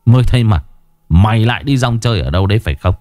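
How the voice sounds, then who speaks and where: A man's voice: on the low side, expressive, rapid-fire, a little mellow, no echo, natural voice. A man voicing a wrathful old village chief, scolding his servant with insults. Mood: angry scolding.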